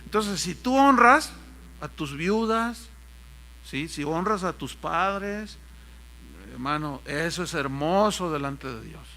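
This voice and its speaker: An older man preaches with a Mexican accent, his voice pitched high and ringing very bright. He tells homely stories in his sermon and acts out the people in them. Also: animated, takes it slowly. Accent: Mexican Spanish. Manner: folksy storytelling, mimics voices in anecdotes. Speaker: pastor.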